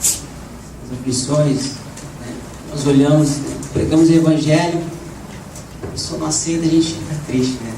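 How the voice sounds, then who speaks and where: A slightly hoarse man preaching a lively sermon to a congregation, often asking "né?" and rising into shouts. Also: fairly high pitch, moderate pace, long pauses. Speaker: evangelist preacher. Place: church hall. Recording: echoey church room, voice from far off, background noise.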